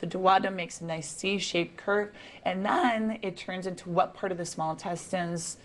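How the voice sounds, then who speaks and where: A woman giving a classroom lecture in a chatty, relaxed way, asking the students questions as she goes. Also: lowish voice, normal speed.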